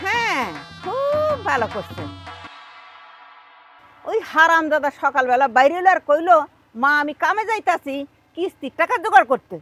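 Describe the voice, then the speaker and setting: An actress playing a fierce, sarcastic village mother-in-law who scolds loudly. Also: high-pitched, expressive, fast, soft background music. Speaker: mother-in-law in a comedy drama.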